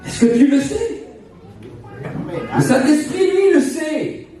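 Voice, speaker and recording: High-voiced man in his sixties preaching. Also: lively intonation, slow, music in the background. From Portugal. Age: 60s. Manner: emphatic, repetitive, preacherly cadence. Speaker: evangelist preacher. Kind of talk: sermon. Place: church sanctuary. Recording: echoey church from far off.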